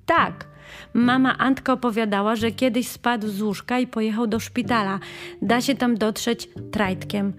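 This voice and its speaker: A woman's voice: fairly high pitch, fairly even intonation, faint music behind, close to an everyday voice. A woman voicing a small, shy plush toy badger who speaks earnestly in a children's audiobook. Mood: earnest protest. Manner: earnest, quick to protest.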